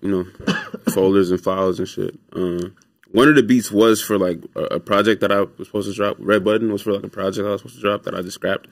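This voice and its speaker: A young man, a music producer, telling stories in a relaxed, rambling interview full of fillers. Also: lowish voice, quick pace, vocal fry, dry recording, clean studio sound. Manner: laid-back, rambling with many fillers. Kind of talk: casual storytelling interview.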